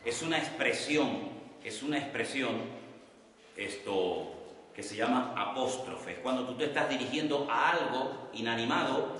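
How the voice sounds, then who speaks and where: A man from teaching a Bible study class as pastor, speaking slowly and repeating key terms so his students can note them down. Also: mid-range voice, fairly bright tone. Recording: echoey hall, voice from far off the mic.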